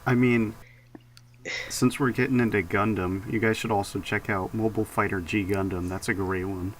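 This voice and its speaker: A man's voice: lowish voice, normal speed, a little hiss or hum. Hammy, playful man on a podcast. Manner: playful, hammy, mock-monotone joking. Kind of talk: casual group chat.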